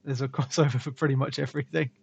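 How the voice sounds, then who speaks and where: Gravelly-voiced young man, casual chat. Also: mid-range voice, racing, muffled recording. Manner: relaxed, rambling with frequent fillers and laughs. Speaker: stream host.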